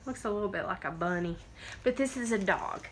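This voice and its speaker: A young woman teaching kindergarten phonics, sounding out letters slowly and praising the children. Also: mid-range voice, a little hiss or hum. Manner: slow, encouraging, sounds out letters.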